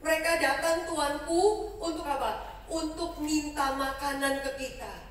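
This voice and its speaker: Brief: woman doing a fussy, urgent male servant, pitched high, heard from far off in an echoey hall. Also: unhurried, slight background noise.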